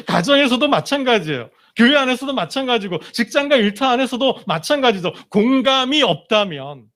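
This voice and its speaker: High-voiced Korean pastor preaching. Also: male voice. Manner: conversational preaching with rhetorical questions, soft emotional dips. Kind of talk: sermon. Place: church sanctuary.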